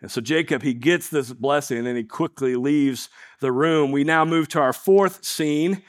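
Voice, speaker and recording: Conversational male preacher, slightly high voice. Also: moderate pace. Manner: conversational, frequent asides and rhetorical questions. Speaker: pastor. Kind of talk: sermon with scripture reading.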